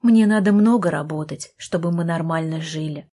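A woman's voice: deep voice, normal speed, dark tone. A woman reading an audiobook, voicing a tired young therapist who coaxes her younger brother. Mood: weary. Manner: weary, coaxing.

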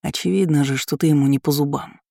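A man voicing a cocky young guy, husky and teasing. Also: a little high, steady tone, quick pace, dry recording, clean studio sound. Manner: soft insinuating delivery.

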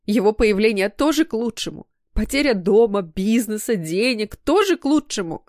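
A woman voicing a betrayed, heartbroken young woman in an audiobook, breaking into high, sobbing outbursts. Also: animated, moderate pace, darkish tone, dry recording, studio quality, natural voice. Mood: indignant.

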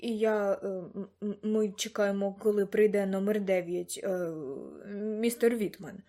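A woman's voice: medium pitch, fairly even intonation, normal speed, warm tone, natural voice. A woman reading an audiobook voices a nervous, awkward young man who stammers and hesitates.

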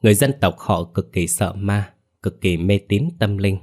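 A man with a fairly low voice narrates a ghost story from a script. He tells it in a dramatic, vivid way, like a practiced storyteller. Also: fairly even intonation, moderate pace, darkish tone.

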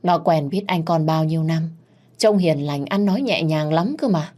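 A woman reading a story aloud, voicing a trusting, soft-hearted older mother who speaks hesitantly and with emotion. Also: low-pitched, moderate pace.

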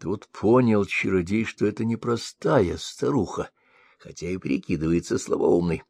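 A man narrating an old folk-style tale in a measured, expressive storytelling cadence. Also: fairly low pitch, creaky, breathy edge, dry recording.

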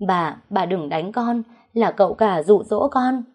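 A woman voicing a shrill, pleading young maid. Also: animated, unhurried, mellow. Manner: wailing, pleading, shrill accusing. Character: young maid caught in affair, pleading then defiant.

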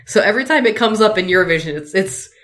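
A woman's voice: mid-range voice, expressive, quick pace, a bit bright. A woman in her thirties co-hosting a podcast, chatting casually with lots of fillers and frequent laughter. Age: 30s. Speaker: podcast co-host. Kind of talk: casual chat.

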